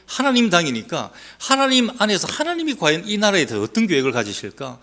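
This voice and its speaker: Emphatic Gyeongsang-accented male pastor preaching. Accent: Gyeongsang Korean, mixed. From South Gyeongsang, Korea. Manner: emphatic, rising to loud exhortation, then dropping low; teasing, asks the congregation questions. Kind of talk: sermon.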